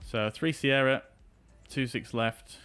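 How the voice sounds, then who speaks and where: A man talks casually through his flight simulator session, slipping into pilot phraseology. His voice is clean and resonant at a medium pitch. Soft music plays behind him. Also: slow pace, clean tone. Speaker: flight simulator streamer playing an airline pilot. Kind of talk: casual running commentary mixed with radio calls.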